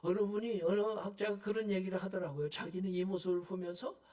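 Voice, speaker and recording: A man preaching a Sunday sermon as pastor, conversational, full of rhetorical questions and sudden hushed asides. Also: high-pitched, little pitch movement, brisk. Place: church sanctuary.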